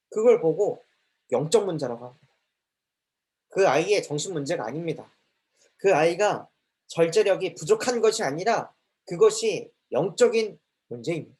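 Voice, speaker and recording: Lively, emphatic male preacher. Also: high voice. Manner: emphatic, rising and falling preaching with repeated phrases. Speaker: preacher for children's ministry. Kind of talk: sermon.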